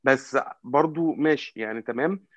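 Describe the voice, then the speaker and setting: A man with an Egyptian Arabic accent in casual football discussion, halting and repetitive as he searches for words. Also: mid-range voice, no room sound. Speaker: football fan commentator.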